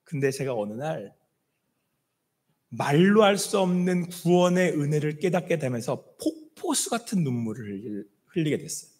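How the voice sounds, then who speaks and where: Middle-aged guy pastor preaching hard, high voice that swings all over, bit husky. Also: sing-song, moderate pace. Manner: impassioned preaching, dropping to soft hushed quotes of God. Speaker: senior pastor. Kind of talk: sermon. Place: church sanctuary. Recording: long church-hall reverb.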